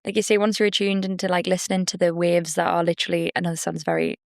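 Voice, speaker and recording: A woman's voice: on the low side, fairly even intonation, quick pace, vocal fry, no room sound, clean studio sound. A woman hosting a podcast, rambling playfully in casual chat, full of fillers and restarts. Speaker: podcast host.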